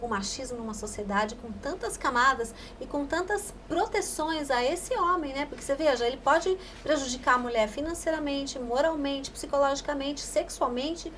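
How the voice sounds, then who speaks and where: A woman hosting a podcast interview, asking emphatic, animated questions. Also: high-pitched, normal speed, few pauses, a little hiss or hum. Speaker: podcast host.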